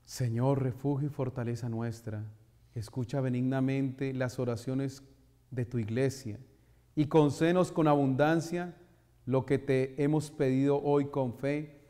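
Solemn priest with cathedral echo. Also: male voice, mid-range voice, steady tone, dark tone. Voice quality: echoing, cathedral-like reverberant sound. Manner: solemn, measured delivery in short phrases. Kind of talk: liturgical preaching and recited prayer. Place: inside a stone-walled church, at the altar and lectern. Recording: church reverb, long echoing hall.

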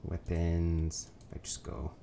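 A let's play host with a cold and a nasal voice gives rambling, casual commentary over his gameplay, full of ums and self-corrections. His voice sits low and gravelly, level in tone and slow in pace, over a noisy background.

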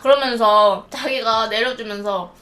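A woman in her twenties chatting casually on a live stream, telling stories in an animated way and acting out other people's voices. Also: fairly high pitch, a little slow, faint music behind. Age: 20s.

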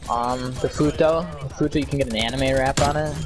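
A man's voice: medium pitch, steady tone, a little fast, over a noisy crowd. A young man chatting casually with a friend while gaming, in a laid-back, drawling way. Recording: clear game noise behind.

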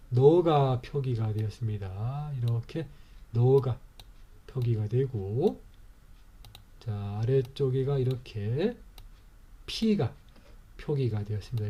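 A middle-aged man lectures at a very slow, deliberate pace, walking through each point patiently and repeating himself to make it stick. His voice is deep and mellow, a dark, soft tone suited to a methodical lesson. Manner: patient, repetitive, methodical explaining. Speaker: teacher and author.

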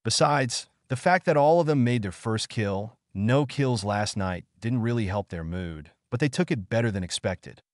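A man with a low voice narrates a written story in a steady reading manner. His pitch moves a lot across phrases. The recording is dry and close, with no room sound. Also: normal speed, few pauses, dry recording. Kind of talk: scripted fan fiction narration.

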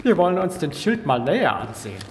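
A man's voice: a little high, sing-song, fast talker, in a large hall, a little hiss or hum. A man playing a greedy, smug villainous major in a fan film, mock-polite and theatrical. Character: smug, greedy male rival treasure hunter, villainous major. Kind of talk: amateur film dub acting.

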